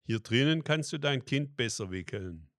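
A man's voice: lively intonation, normal speed, no echo, clean studio sound, lightly acted. A man voicing Martin, a kindly, helpful man, in a raised, eager voice. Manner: raised, bright pitch, calling out.

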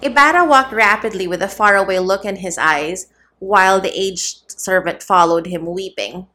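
A woman narrating a classic novel aloud in a steady, measured way. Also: medium pitch. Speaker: audiobook narrator. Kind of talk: scripted narration.

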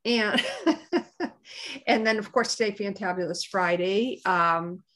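Woman, unhurried slow pace, medium pitch, casual chat, reflective, livestream co-host. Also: fairly bright tone. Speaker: co-host of a sisters' morning livestream.

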